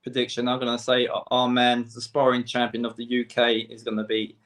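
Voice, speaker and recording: A man hosting a casual boxing interview, asking brief questions and giving steady backchannel. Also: mid-range voice, a little fast. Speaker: interview host.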